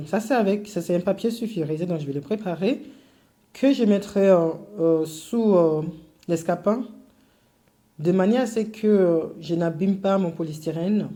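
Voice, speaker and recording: A woman with an English accent teaching a step-by-step cake decorating tutorial, explaining patiently in detail and often pausing on filler sounds. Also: fairly low pitch, mellow. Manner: hesitant, full of filler sounds.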